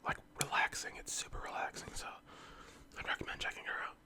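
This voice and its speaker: An ASMR host of unclear sex whispers close to the mic, as if leaning in, in an informal, meandering casual chat. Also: fast talker. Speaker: ASMR eating-video host.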